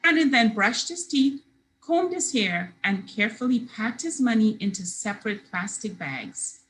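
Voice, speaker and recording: A woman's voice: fairly high pitch, big pitch swings, a little slow, fairly bright tone, a little hiss or hum, low-quality recording. A woman reading her children's book aloud, giving the characters their own voices. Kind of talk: expressive storybook read-aloud.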